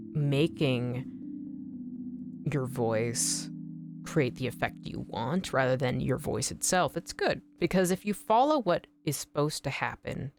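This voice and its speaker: A young woman streamer with a low, slightly raspy, nerdy voice chats casually to her viewers while drawing. She rambles encouragingly, restarting often and saying "like" a lot, with music playing in the background.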